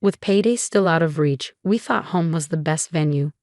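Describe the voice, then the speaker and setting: A woman's voice: deep voice, moderate pace, no echo, clean studio sound. Woman doing a fond, easygoing middle-aged dad. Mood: amused. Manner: fond, relaxed explaining.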